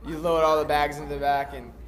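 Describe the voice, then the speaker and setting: Animated young man over crowd chatter. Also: fairly high pitch, fast. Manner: animated, rambling storyteller. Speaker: skateboarder. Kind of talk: casual chat. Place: busy skate event. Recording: crowd noise behind.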